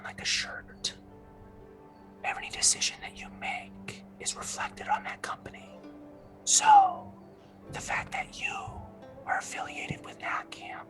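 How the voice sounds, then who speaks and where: A game master voicing a passive-aggressive camp head counselor who speaks only in a breathy whisper and sighs a lot. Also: very high-pitched. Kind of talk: tabletop game character voice.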